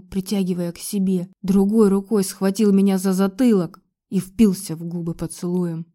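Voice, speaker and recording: A woman's voice: medium pitch, warm tone. A woman narrating a first-person romance audiobook with an emotional, dramatic delivery.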